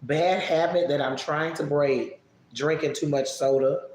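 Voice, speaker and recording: A man casually answering viewer questions on a live stream, relaxed and chatty, musing aloud as he thinks. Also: a little high, unhurried. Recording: echoey room with faint background noise.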